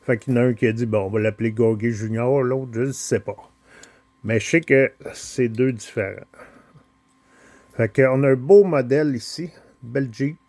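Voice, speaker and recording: Un homme à l'accent québécois présente sa collection de petites voitures dans un vlog décontracté, en parlant avec hésitation et de nombreuses pauses. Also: male voice, medium pitch, darkish tone, no room sound. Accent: Quebec French. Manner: slow, hesitant, full of pauses and filler sounds. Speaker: toy car collector showing his collection. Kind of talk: casual unboxing vlog.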